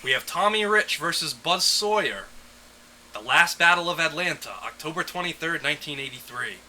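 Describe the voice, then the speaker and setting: Bright-voiced man co-hosting a podcast. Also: fairly high pitch, expressive, moderate pace, low-quality recording. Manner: laughs often, reads lists aloud. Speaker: podcast co-host. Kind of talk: casual chat.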